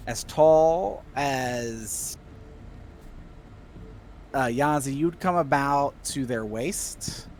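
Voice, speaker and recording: A man narrates a tabletop game as game master at a slow pace. He improvises, stopping and restarting mid-phrase. Faint noise sits behind his mid-pitched voice. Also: darkish tone. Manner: halting, pausing mid-phrase.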